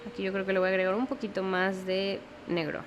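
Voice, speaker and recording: A young woman walks through a watercolor lesson, unhurried and patient, checking in with the viewer as she goes. Her voice sits in a middle pitch for a woman. A faint hiss of background noise runs under the recording. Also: level tone. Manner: patient, explains slowly, often checks in with the viewer. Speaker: watercolor teacher. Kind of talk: step-by-step painting tutorial.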